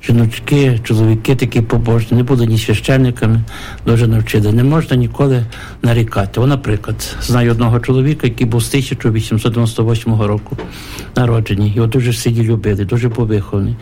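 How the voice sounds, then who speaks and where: A priest leads prayer and shares stories on a radio show. He speaks slowly and devoutly, in a measured way. His voice sits at a middle pitch. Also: fairly even intonation, warm tone, slight background noise. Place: radio studio.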